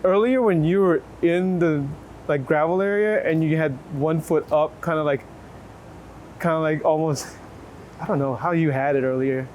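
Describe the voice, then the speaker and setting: A man works as a photographer outdoors in a city, chatting casually and encouragingly while giving short, repeated posing instructions to portrait subjects. His voice sits on the high side, a little mellow, at normal speed. The audio is poor, with city street ambience and traffic noise.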